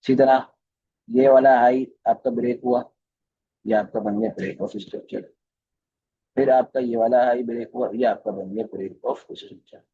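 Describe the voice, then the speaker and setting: A man's voice: medium pitch, fairly even intonation, measured pace, narrow, tinny audio, slight background noise. A man teaching a recorded live class on chart reading, speaking with a flavour and often repeating phrases and putting questions to his students. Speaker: trading course teacher.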